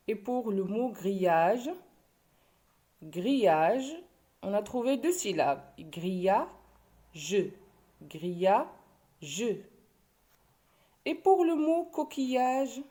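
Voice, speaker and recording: Woman primary teacher, slow, careful, lively intonation. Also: a little high. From Morocco. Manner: slow, syllable-by-syllable instruction. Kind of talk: classroom video lesson.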